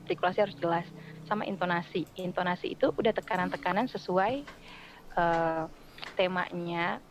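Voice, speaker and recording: A woman's voice: on the low side, normal speed, a little hiss or hum, rough recording. A woman who works as a radio voice-over artist, chatting casually as a podcast guest and explaining her craft with spoken examples. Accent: Indonesian.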